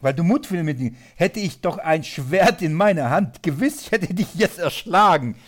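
A man playing an angry, stubborn prophet, speaking with slow, heavy emphasis. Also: fairly high pitch, animated, pitched above the performer's own voice. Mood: furious.

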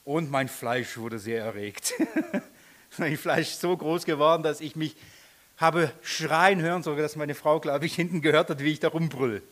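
Self-mocking storyteller. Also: male voice, fairly high pitch, moderate pace, fairly bright tone. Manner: hesitant, many restarts, laughs at himself. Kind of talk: personal story in a sermon.

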